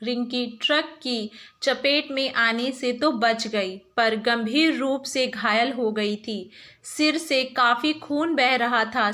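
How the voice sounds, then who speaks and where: A woman narrating a moral story in a measured, gentle storybook reading. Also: high voice.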